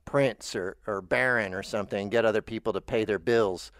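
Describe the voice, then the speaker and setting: A man's voice: fairly low pitch, a little fast, a bit bright, no room sound, studio quality. An American man chatting casually as a show host, rambling and stammering through restarts. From United States. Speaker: podcast host. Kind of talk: casual chat.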